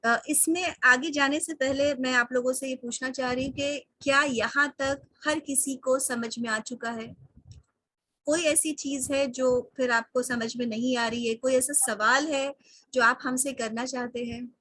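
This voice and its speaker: A woman teaching an online English lesson in Hindi, slowly spelling out and repeating words and mixing English into her explanations, heard through a computer mic on a video call. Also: sits high, fairly even intonation, sharp tone, no room sound.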